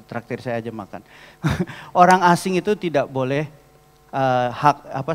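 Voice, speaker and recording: A man preaching a storytelling sermon as a pastor, lively and often calling out to the congregation. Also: mid-range voice. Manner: lively, addresses the congregation as "saudara". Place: large church hall. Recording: long church hall reverb.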